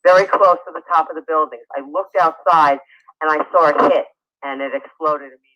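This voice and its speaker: A man's voice: on the high side, steady tone, fast, no echo. A man giving a short, shaken eyewitness report, heard as a tinny lo-fi clip played on a news broadcast. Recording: dry, dull lo-fi clip played on air.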